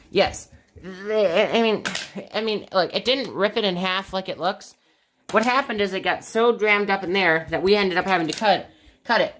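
In her home kitchen, a video maker narrates a product test in a loose, rambling vlog, sounding fed up and dropping some mild profanity. Her voice sits in the mid range and is a bit bright.

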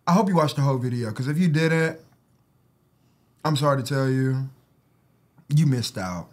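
A man co-hosting a casual food-tasting video, excitable and playful, with loud outbursts and bursts of laughter. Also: medium pitch, moderate pace. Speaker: co-host of a food-tasting channel.

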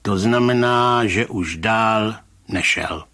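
A man reading a story aloud, voicing a gruff, weary police commissioner who speaks dryly and calmly. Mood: matter-of-fact. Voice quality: grumbling, dry, low. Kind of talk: audiobook reading of a short story.

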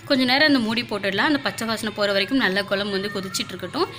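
A woman's voice: mid-range voice, racing, fairly bright tone, faint music behind. A woman, narrating a casual home vlog in a chatty way, full of filler words. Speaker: vlogger.

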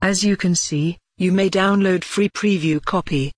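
A woman narrating a scripted promotional voice-over for a training manual, reading out a list of selling points in a steady pitch. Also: unhurried, no room sound.

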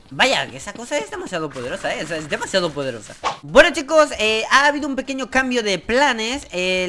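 A man giving excited gameplay commentary as a gaming YouTuber, swearing and yelping in fright. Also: high voice. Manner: jumpy, swears, yelps and screams in fright. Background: game music.

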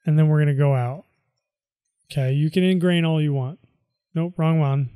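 A man's voice: fairly high pitch, normal speed, mellow, dry recording, studio quality. A tired man mumbling casual commentary to himself as he plays a video game. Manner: mutters reactions to himself. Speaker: let's play host.

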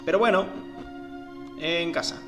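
A man's voice: fairly high pitch, a little slow, over music. A man giving casual, slangy commentary while playing a video game. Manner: chatty, slangy, thinks aloud. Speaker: let's play gamer.

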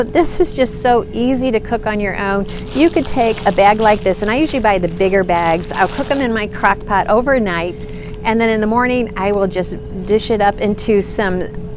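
A woman's voice: medium pitch, normal speed, noisy background. A middle-aged woman hosting a nutrition video, talking earnestly and encouragingly to the camera in a grocery store aisle. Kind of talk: casual to-camera nutrition tip.

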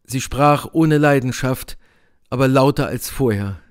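A man reading a literary story aloud in slow, measured, somber narration. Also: mid-range voice. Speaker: audiobook reader.

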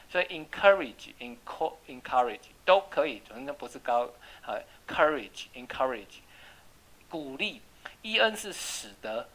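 Patient tutor spelling out English words. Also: female voice, extremely low pitch, a bit bright, rough recording. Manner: explains words patiently, spells out letters, drills repetition. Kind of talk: home English reading and spelling lesson.

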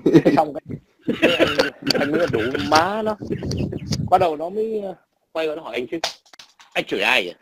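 A man's voice: fairly high pitch, lively intonation, fairly quick, pauses often, heavy background noise. A man in his sixties from Vietnam with a Northern Vietnamese accent, telling blunt, profane stories in casual chat. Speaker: emigrant father.

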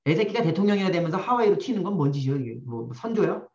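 A man giving a lecture to a live audience, blunt and animated, firing rhetorical questions at the room and slipping into slang. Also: high voice, rapid-fire. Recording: roomy, distant, dull-sounding.

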